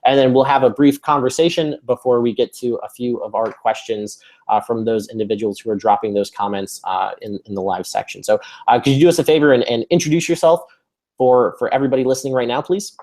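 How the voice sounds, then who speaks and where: A man's voice: mid-range voice, steady tone, fast talker, darkish tone. A man hosting a live webinar over a video call, upbeat and chatty, with many fillers and restarts. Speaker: webinar host.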